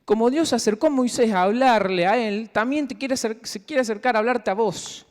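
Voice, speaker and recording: A man with a Rioplatense accent leading a youth Bible study in a casual, lively way, asking the group questions and retelling scenes. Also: very high-pitched, fairly quick. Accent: Rioplatense Spanish. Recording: long hall reverb.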